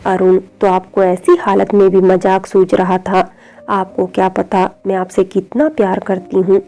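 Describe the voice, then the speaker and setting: A woman's voice: medium pitch, flat delivery, unhurried, warm tone, lightly acted. A woman voicing an anxious young wife who pleads through tears. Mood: tearful. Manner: pleading, tearful.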